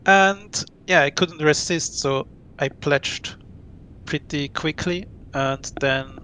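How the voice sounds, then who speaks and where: A man from Switzerland in his late thirties, a guest speaking casually and thoughtfully, pausing to recall details and laughing often. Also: a little high, pushed and bright, smooth. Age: late 30s. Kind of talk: casual interview.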